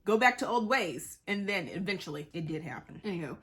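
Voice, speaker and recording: A woman's voice: lowish voice, big pitch swings, a little fast, a bit bright. A woman in her twenties from Boston, rambling in a casual chat with many fillers and acted-out quotes. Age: 20s. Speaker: vlogger. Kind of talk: casual chat while getting ready.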